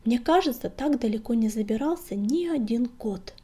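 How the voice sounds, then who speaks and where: A woman's voice: fairly high pitch, expressive, moderate pace, dark tone, slightly rough. A woman voicing a young male warrior cat, anxious and blunt, in whispered role-play. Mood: uneasy.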